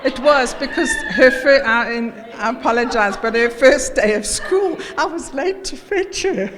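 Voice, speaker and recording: A middle-aged South African woman gives an informal wedding toast as mother of the bride, chatty, jokey and halting. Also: high voice, lively intonation. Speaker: mother of the bride giving a speech. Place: wedding reception room. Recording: echoey hall, background noise.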